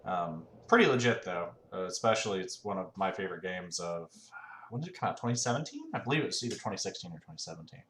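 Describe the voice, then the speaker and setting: Low-voiced man rambling through a let's-play. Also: animated, quick pace, a bit bright. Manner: rambling, filler-heavy, laid-back. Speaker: gaming channel host. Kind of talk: casual let's-play commentary. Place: room at home. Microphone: desk mic. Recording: roomy home recording with faint fan hum.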